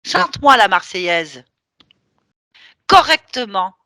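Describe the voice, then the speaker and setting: A woman's voice: mid-range voice, very animated, slow, sharp tone, dry recording, studio quality. A woman leading a hypnosis session, giving firm, teasing commands.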